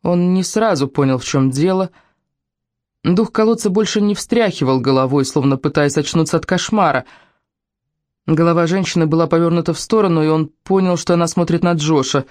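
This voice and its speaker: An audiobook narrator reading a fantasy story in a steady, measured way. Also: medium pitch, no echo, studio quality.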